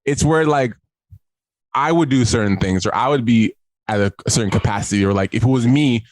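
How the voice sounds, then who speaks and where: Animated man, laughing co-host. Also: medium pitch, a little fast, slight background noise. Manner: animated, laughs often, repeats himself. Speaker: podcast co-host. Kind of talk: casual chat. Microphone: video call.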